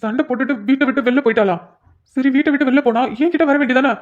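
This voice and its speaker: A man's voice: very high voice, steady tone, racing. A man voicing an anxious, lovesick police officer in a storybook cartoon, pleading and stammering when upset. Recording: dull lo-fi sound.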